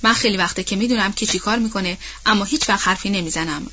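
A woman's voice: medium pitch, bright, forceful tone, dull audio, slight background noise, lightly acted. A woman voicing an anxious, gossipy old household nanny woman in an audiobook, talking in a rambling, colloquial way. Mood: worried. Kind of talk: audiobook role-play reading.

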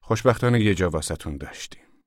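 A man's voice: deep voice, lively intonation, no echo, studio quality. A man reading an audiobook, voicing a small, friendly, talkative camp manager. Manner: warm, friendly, chatty. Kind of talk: audiobook character voice.

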